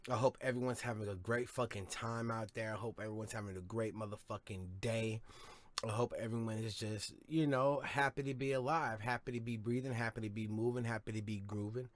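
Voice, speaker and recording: A man's voice: on the low side, fairly even intonation, brisk. A man hosting his own podcast in a rambling, profane, hyped-up monologue. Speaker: podcast host. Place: home studio or car, smoking a blunt.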